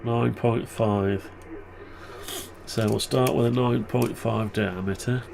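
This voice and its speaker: A man's voice: medium pitch, fairly even intonation, slow pace, gravelly, noisy background. A man with a muffled, blocked-nose voice, tired and stuffed up with flu, rambling as he thinks aloud through a casual hobby tutorial. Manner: rambling, muttering to himself. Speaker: hobbyist presenter.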